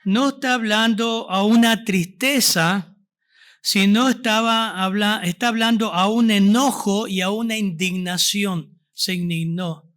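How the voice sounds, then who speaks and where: High-voiced Argentine preacher. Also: male voice, measured pace, a bit bright. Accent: Argentine Spanish. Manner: preaching with rhetorical questions to the congregation. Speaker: pastor. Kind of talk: sermon. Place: church service.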